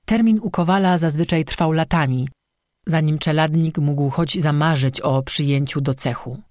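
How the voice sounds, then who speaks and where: An audiobook narrator telling a folk legend in a measured, even way. The voice sits at a middling pitch. The recording is close and dry, with no room sound. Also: dry recording. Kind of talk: scripted storybook narration.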